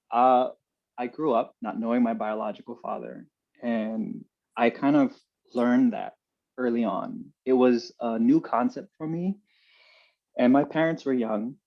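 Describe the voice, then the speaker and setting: Young man, gravelly, earnest storyteller, lo-fi sound. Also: medium pitch. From Hawaii. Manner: relaxed, earnest, heavy on fillers. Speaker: guest. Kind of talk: personal storytelling in an interview. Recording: dull lo-fi sound.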